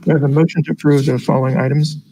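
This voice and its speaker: A man's voice: a little high, flat delivery, very fast, warm tone. An American man talking through a face mask, formally reading agenda items aloud as he chairs a board meeting. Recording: noisy meeting room recording.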